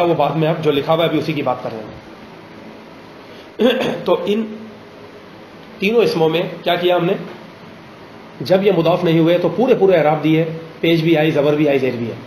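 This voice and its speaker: A man teaching a grammar lesson in a classroom, pausing often to ask students questions and slowing down on examples. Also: on the high side, a little mellow, slight background noise. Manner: drills students with frequent check questions; slows down to spell out example phrases. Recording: roomy classroom echo.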